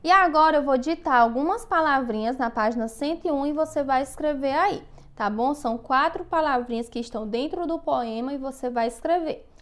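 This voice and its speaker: In a recorded remote class, a first-grade teacher with a high voice and a Brazilian Portuguese accent guides young pupils through their worksheets. She dictates words slowly and patiently, often asking "tá bom?" to make sure the children are keeping up.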